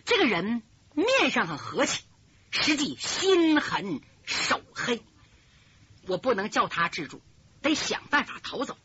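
A woman telling a martial-arts story in the traditional storytelling style, dramatic and animated, in a dull lo-fi recording. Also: on the high side, unhurried, a little hiss or hum. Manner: animated, dramatic, voices every character.

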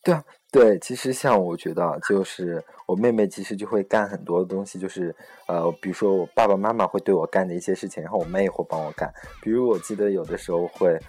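A man's voice: deep voice, fast talker, hardly any pauses, a little mellow, husky. A young man hosting a casual chat show, talking hesitantly with many fillers and self-corrections. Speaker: host. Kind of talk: casual chat on a podcast-style program.

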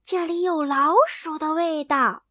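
A mischievous little storybook kitten coaxes and teases in a lifted, high voice, performed by a woman. The sound is close and dry, and the delivery is slow. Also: fairly even intonation, pushed and bright, no echo. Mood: playful coaxing. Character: playful young kitten, mischievous and greedy.

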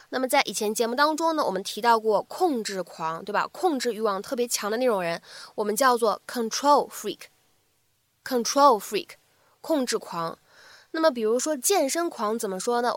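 A woman teaches an English lesson in a fairly high, lively voice. She breaks points into short chunks and says each phrase again slowly. The sound is dry and close. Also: dry recording.

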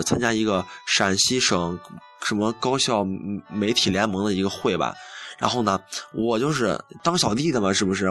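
A man's voice: lowish voice, a bit bright. A young man hosting a campus radio show, telling a story in a chatty, self-mocking way and acting out the dialogue. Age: young adult. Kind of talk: casual monologue.

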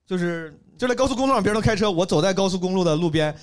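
A young stand-up comedian from Henan talks in a high-pitched, racing voice. He tells a story during a casual chat, animated and laughing as he goes.

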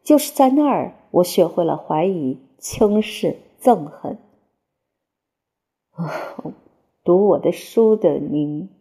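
Woman, audiobook narrator, first-person literary reading, measured, expressive, breathy. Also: lowish voice.

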